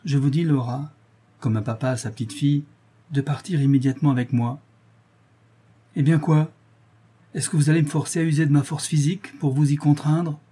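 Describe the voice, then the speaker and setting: A man's voice: on the high side, steady tone, a little fast, long pauses, warm tone, slightly rough. A man doing a stern old nobleman father. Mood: stern, coaxing. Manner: coaxing and commanding.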